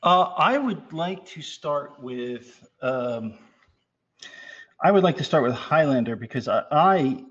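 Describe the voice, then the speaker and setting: A man with a fairly high, husky voice on a laid-back film panel. He hesitates often, filling pauses with ums and starting his sentences over. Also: animated, a bit bright, lo-fi sound. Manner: hesitant, lots of ums and restarts. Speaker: podcast panelist. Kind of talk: casual film discussion.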